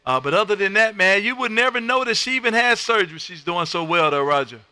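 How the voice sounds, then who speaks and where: Hosting a ham radio livestream from Texas, this man keeps up casual chat and call-outs, folksy and effusive, with plenty of repeated phrases. He talks fast and animatedly in a high-sitting voice with a sharp edge. The sound is smooth and dry.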